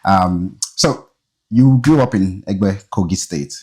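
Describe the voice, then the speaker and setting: A man's voice: low voice, takes it slowly, a little mellow. A man hosting an interview podcast. He talks in an earnest, encouraging way and answers often with a short "okay". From Nigeria. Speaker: host.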